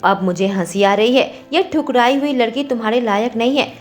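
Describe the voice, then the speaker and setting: A jealous young ex-wife sneers and spits insults, as a woman storyteller puts her on. The voice sits fairly high, and soft music plays under the reading. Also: moderate pace, close to an everyday voice. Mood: spiteful. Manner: spiteful, sneering.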